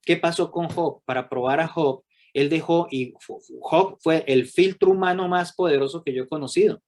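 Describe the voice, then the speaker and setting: Animated man teaching a workshop. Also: a little high, normal speed. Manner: animated, asks many rhetorical questions; acts out quoted people with raised voice.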